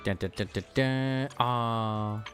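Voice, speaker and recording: A man's voice: mid-range voice, fairly even intonation, slow pace, a bit bright, faint music behind. A man streaming a game, chatting casually and reading the game's dialogue aloud, rambling with frequent laughs and filler words.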